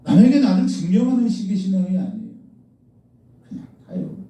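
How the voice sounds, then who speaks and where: Blunt scolding pastor in echoey hall. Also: male voice, high-pitched, big pitch swings, fairly quick, vocal fry, mellow. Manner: blunt, scolding, rhetorical questions to the congregation. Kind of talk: sermon. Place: church sanctuary. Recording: echoey church hall, mic at a distance.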